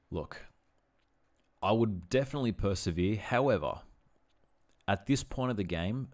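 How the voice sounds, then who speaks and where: A man with a low, slightly mellow voice gives chatty commentary on a casual gameplay livestream. He thinks aloud as he plays and often corrects himself.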